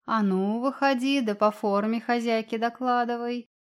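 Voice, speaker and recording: A woman's voice: on the high side, steady tone, normal speed, smooth, lightly acted. Grumpy bossy familiar tomcat, barking and snide, storybook character voiced by a woman. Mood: gruff.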